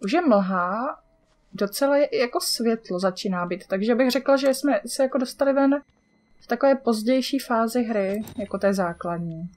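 A woman's voice: a little high, darkish tone. A woman with a Czech accent giving casual let's-play commentary, chatty, swearing at the game and muttering to herself as she plays. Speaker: gamer.

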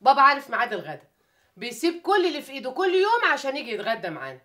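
A woman's voice: sits high, huge pitch swings, rapid-fire, a bit bright, heavily acted. An actress playing a caring but firm middle-aged Egyptian mother in a TV drama set at home. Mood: patient. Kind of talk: naturalistic TV drama acting. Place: family home, indoors.

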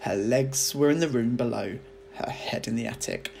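A man reading a children's story aloud like a teacher, with expressive narration. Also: mid-range voice, normal speed, creaky, slight background noise.

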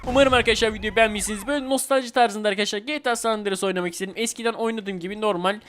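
Man, high voice, excitable game commentary, pleading, repetitive. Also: rapid-fire, a little hiss or hum. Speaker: gaming YouTuber.

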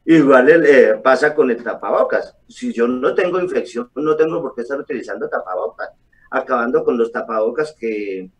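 A middle-aged man, a doctor, explaining calmly over a video call with frequent hesitations. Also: medium pitch, normal speed. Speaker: doctor guest. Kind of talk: explanatory interview answers. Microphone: webcam on a video call. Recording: distant video call audio.

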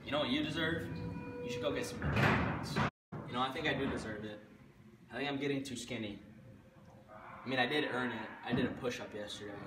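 In a bantering mood, a young man delivers a casual, deadpan amateur skit as a self-absorbed high schooler caught between squabbling inner voices, speaking a little fast with long pauses in a near-everyday voice. The camera mic is far off, capturing echo and heavy noise through school stairwells, halls and the gym.

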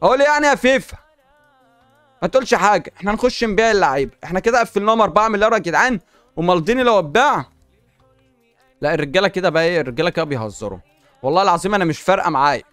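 Excited exclamations and back-talk to the game mark this Egyptian-accented man's pack-opening commentary as a gaming YouTuber. He speaks high and rapid-fire, smooth and echo-free, with faint music behind.

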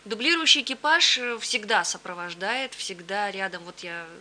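A woman's voice: mid-range voice, animated, normal speed, bright, forceful tone. A woman hosting a live broadcast, commentating and asking questions in a conversational way. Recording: clear hum and background noise.

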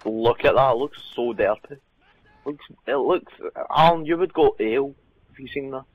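A man's voice: mid-range voice, normal speed, highs cut off. A man chatting casually while playing a video game, joking and swearing a lot. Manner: joking, crude, excitable. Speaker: gamer. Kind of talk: casual gaming chat.

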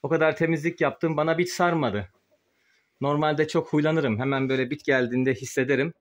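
A poultry-keeping channel host, masked and slightly muffled, talks a little fast in a steady, somewhat high voice. He films a casual vlog on a handheld phone while spraying inside a small wooden chicken coop, explaining informally as he goes.

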